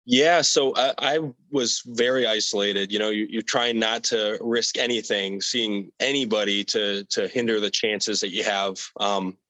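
A young man with a lowish voice that sits close and dry on the mic, without room sound. He answers in an easygoing, casual way and often restarts words and adds fillers. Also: unhurried, few pauses, no echo, poor audio. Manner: relaxed, with frequent fillers and repeated words. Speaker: athlete guest.

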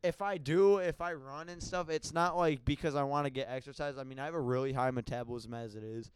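A man's voice: medium pitch, fairly quick, clean tone. A teenage boy co-hosting a podcast in casual chat, bossy and teasing as he takes over the talk. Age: teens. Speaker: podcast co-host.

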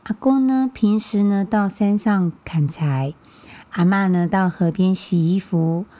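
Woman w/ a mother tongue, chill podcast host, mellow soft voice, says words twice so you can follow. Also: medium pitch, unhurried. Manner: friendly and patient, often repeating words for learners. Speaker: podcast host teaching Japanese. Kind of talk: casual explanatory podcast talk.

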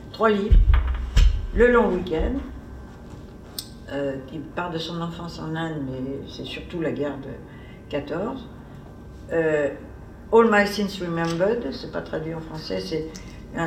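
With a deep voice, a woman delivers an informal academic seminar talk that meanders conversationally, as if she's thinking aloud. It's recorded in an echoey seminar room with the mic far off and slight background noise.

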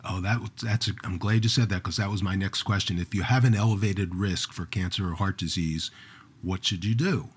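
A podcast host with a very low, husky voice, speaking in a friendly way. He keeps the interview moving and asks his guest to clarify and repeat points for listeners. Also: brisk. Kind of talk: interview hosting.

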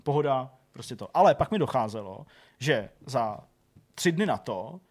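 A man's voice: mid-range voice, lively intonation, breathy edge. A man in his thirties telling a long story in casual chat, rambling and filling every phrase with filler words and restarts.

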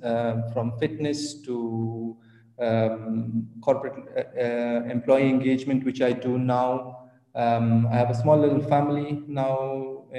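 A man's voice: mid-range voice, dark tone. A man from India, a podcast guest, talking hesitantly with many fillers and restarts. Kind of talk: conversational interview. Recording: echoey room with long reverb.

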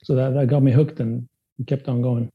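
Over phone-quality sound, a guest in a casual interview speaks at normal speed in a level, mid-range voice with a breathy edge, hesitating and restarting with lots of fillers. Spanish is his first language; he comes from a Spanish-speaking country but grew up in Sweden.

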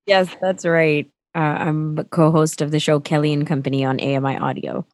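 A woman's voice: sits low, normal speed, a little mellow, no echo. A chatty woman in her twenties, guest on a casual radio talk show, who laughs easily. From Canada. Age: 20s. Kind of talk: casual interview chat.

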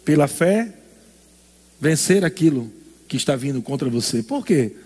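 A man's voice: on the high side, sing-song, a little slow, a little mellow, slightly rough, big-room sound. A male pastor preaching a sermon in an emphatic call-and-response style.

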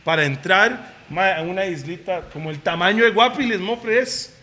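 A man's voice: sits high, sharp tone. A man with a Costa Rican accent, hosting a podcast and telling jokey stories in casual slangy chat. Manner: joking, slangy, quick storytelling. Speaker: podcast host.

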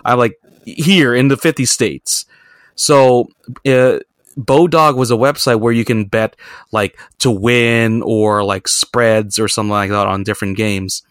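A man's voice: mid-range voice, steady tone, unhurried, fairly bright tone, smooth, dry recording, studio quality. Profane rambling podcast guy. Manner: rambling, profane, laughing storyteller. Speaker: podcast host. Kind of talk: casual chat.

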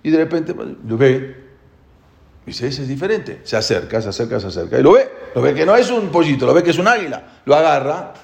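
A man telling a parable in an animated way, emphatic and repetitive, often restarting his sentences. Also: fairly high pitch, a little fast, vocal fry. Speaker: guest telling a religious parable. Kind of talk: animated storytelling. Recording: echoey room.

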